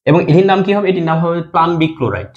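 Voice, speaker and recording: A man's voice: fairly high pitch, lively intonation, very fast, muffled recording. A man teaching a chemistry lesson, explaining step by step and answering his own questions, dropping his voice at the end of each compound name.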